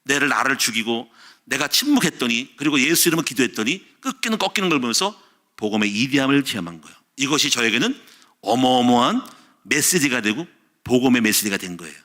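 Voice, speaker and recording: A middle-aged male pastor preaching a sermon, telling stories animatedly and acting out the shouts he quotes. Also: mid-range voice, big pitch swings, fast.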